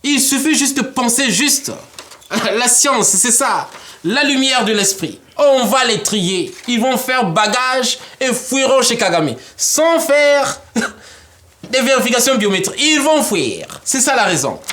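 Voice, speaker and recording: A man lays out his political ideas as an interview guest. His voice sits high and swings widely up and down as he explains. He talks in an animated way, often slipping into little acted-out exchanges and laughing. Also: measured pace. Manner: animated, acts out imagined dialogues, laughs often.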